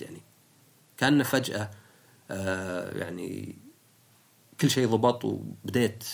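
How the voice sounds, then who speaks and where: Fast, lively husky Saudi man. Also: medium pitch. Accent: Saudi Arabic. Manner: animated, explaining with everyday examples. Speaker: podcast host. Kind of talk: casual podcast talk.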